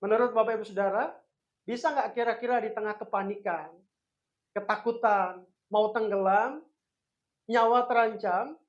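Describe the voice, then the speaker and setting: A woman preaching a sermon to a congregation, speaking directly to them and swinging between hushed and emphatic delivery. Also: medium pitch, fairly even intonation, moderate pace, pauses often, lo-fi sound. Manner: addresses congregation as Bapak Ibu Saudara, dramatic swings in loudness.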